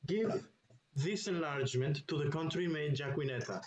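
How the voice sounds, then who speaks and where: A man's voice: on the high side, normal speed, roomy sound, lo-fi sound, natural voice. A man playing a pompous, wordy master in a Shakespearean stage comedy, speaking with grandiloquent airs. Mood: grand, magnanimous.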